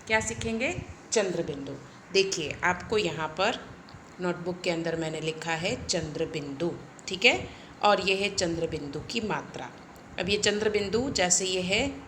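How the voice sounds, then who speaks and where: A woman teaching young children, slow and patient, spelling out letters and often asking the class to repeat. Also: fairly low pitch, a bit bright, slight background noise. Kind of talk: children's Hindi lesson.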